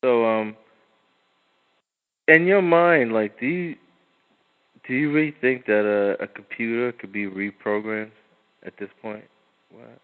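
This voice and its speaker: A man's voice: medium pitch, unhurried, long pauses, clear, resonant tone. A man in casual conversation who talks hesitantly, filling gaps with 'like' and 'um'. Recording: tinny phone line.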